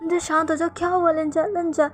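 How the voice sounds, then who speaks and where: A woman's voice: very high-pitched, little pitch movement, fairly quick, faint music behind, pitched above the performer's own voice. A woman voicing a devoted young man who soothes his partner in a storybook reading, pleading and tender. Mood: tender, soothing.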